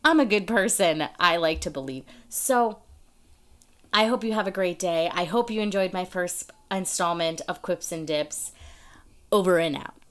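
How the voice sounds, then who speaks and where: A woman's voice: lowish voice, normal speed. A young woman hosting her own podcast, telling a dating story in a chatty, sarcastic way with lots of "like" fillers. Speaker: podcast host. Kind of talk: casual storytelling monologue.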